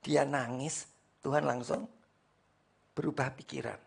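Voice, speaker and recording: A man's voice: mid-range voice, steady tone, measured pace, vocal fry, slightly rough. A male pastor preaching a sermon at a church service, speaking emphatically and often addressing the congregation directly.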